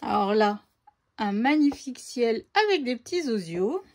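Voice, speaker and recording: A woman with a high voice chats her way through a casual unboxing of craft papers. She talks freely to her viewers, often pausing on filler sounds while she hunts for the next word. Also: lively intonation, darkish tone. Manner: chatty, hesitant, with frequent "euh" fillers. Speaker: scrapbooking vlogger showing craft papers.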